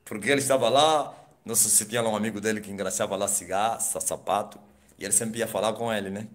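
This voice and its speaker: A man, an apostle, telling his conversion testimony in preaching style, swinging from loud exclamations to hushed asides and dropping hallelujahs. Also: fairly low pitch, fairly even intonation, fast. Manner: peppers speech with hallelujahs and laughs.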